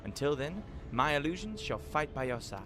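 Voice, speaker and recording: Measured scholar-mage read by a man, archaic diction, steady music underneath. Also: on the high side. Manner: stately, archaic phrasing. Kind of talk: reading game dialogue aloud.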